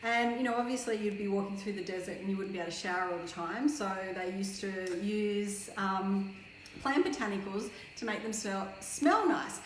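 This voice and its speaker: A woman's voice: mid-range voice, normal speed. A woman hosting a casual chat show, explaining things chattily and laughing easily. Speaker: host. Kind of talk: casual live-stream chat. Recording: echoey room, faint background noise.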